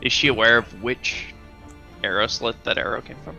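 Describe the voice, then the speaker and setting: Bright-voiced giggly male gamer. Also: mid-range voice, normal speed, vocal fry, lo-fi sound, faint music behind. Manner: giggly, lots of fillers. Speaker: tabletop game player. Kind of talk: casual tabletop game chat.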